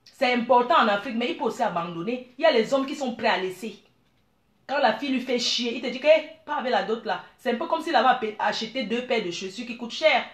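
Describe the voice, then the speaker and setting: A middle-aged woman from Cameroon, giving blunt, animated advice and calling her listeners dear. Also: fairly high pitch, fast talker, reverberant. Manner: blunt, animated, calls listeners "maman" and "ma chérie". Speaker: business owner. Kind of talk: frank advice monologue.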